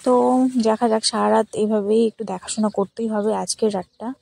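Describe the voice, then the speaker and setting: A woman chatting casually on a late-night vlog, keeping her voice low so as not to wake the house, her throat a bit strained from the cold. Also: level tone, quick pace, creaky, darkish tone. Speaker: vlogger tending chickens at night. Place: rural home at night, kitchen and chicken shed. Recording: noisy night with clucking chickens.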